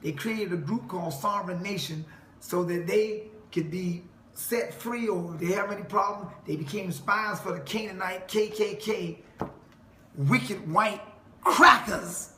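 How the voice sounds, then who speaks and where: A man's voice: sits high, normal speed, a bit bright. A man delivering an emphatic preaching monologue to a listener, quoting scripture and laughing mockingly. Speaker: self-styled preacher. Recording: echoey room with faint noise.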